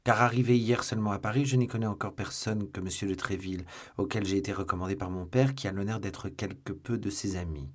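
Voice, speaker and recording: Brief: man reading eager young duelist, courteous but bold, husky low voice, audiobook. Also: fast, lightly acted. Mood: earnest, polite.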